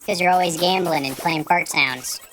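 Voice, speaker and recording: A male streamer chatting casually and reading viewer comments aloud, his voice run through a pitched-up chipmunk voice filter. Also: normal speed, noisy background. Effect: chipmunk pitch-shift voice filter. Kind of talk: casual livestream chat.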